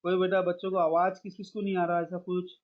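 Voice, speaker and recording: A man's voice: sits high, flat delivery, fast talker, highs cut off. A man teaching a math class online, calling his students "beta" and mixing English math terms into his explanations.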